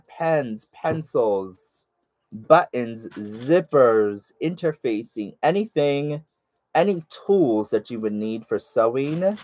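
This sewing vlogger has a fairly low, slightly mellow voice and a stuffy nose, and the recording is dry. He keeps up a chatty sew-along conversation, calling viewers by name while he works.

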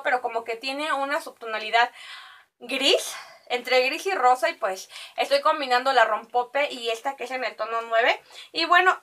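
A woman's voice: sits high, fairly bright tone. A woman with a Mexican accent chatting through a makeup shopping haul, rambling and talking straight to her viewers. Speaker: beauty vlogger. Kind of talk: casual shopping haul vlog.

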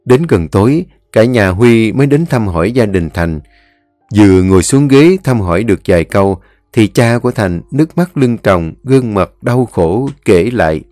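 A man narrating a scripted ghost story in a measured, somber way. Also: fairly low pitch, lively intonation, a little mellow, no echo, clean studio sound, faint music behind.

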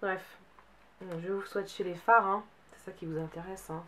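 A woman's voice: on the low side, steady tone, fairly quick, bright, forceful tone. A young adult woman, a beauty vlogger chatting casually, sounding a bit tired with a cold. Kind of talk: casual haul chat. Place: bedroom, indoors. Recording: faint background noise.

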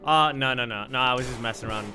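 A man's voice: medium pitch, fast talker, sharp tone, soft background music. A man from Sweden in his late twenties, playfully trolling other players while streaming from home. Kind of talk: casual streaming chat.

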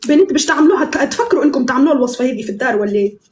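A woman's voice: sits high, expressive, very fast, echoey room. A woman with a Tunisian accent chatting playfully on a live stream while baking, teasing and slipping into broken English.

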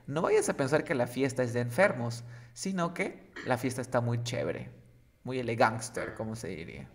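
A man's voice: medium pitch, moderate pace. A man teaching English slang in a casual lesson, often checking that the student follows. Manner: lively, checks understanding often.

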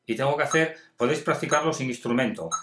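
A man's voice: medium pitch, quick pace, a bit bright, reverberant. A male music teacher explaining rhythms in a homemade video masterclass, chanting rhythm syllables in time. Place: at home.

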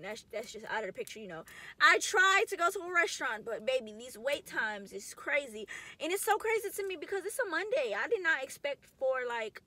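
A woman's voice: on the high side, pushed and bright. A woman in her mid twenties talking casually to camera in a vlog, chatty, slangy and emotional. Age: 20s. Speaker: vlogger. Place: in a car.

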